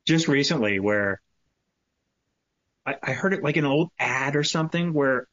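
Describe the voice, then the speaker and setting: A man's voice: medium pitch, animated, normal speed, a bit bright, no echo. A man co-hosting a podcast, chatting casually, laughing often and joking loosely. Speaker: podcast co-host. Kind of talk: casual chat. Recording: dull lo-fi sound with faint music.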